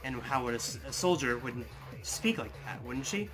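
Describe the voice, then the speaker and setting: A man playing in an online role-play, talking casually, thinking out loud and swearing now and then. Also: mid-range voice, animated, normal speed, over music. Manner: casual, reasoning aloud, swears. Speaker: player.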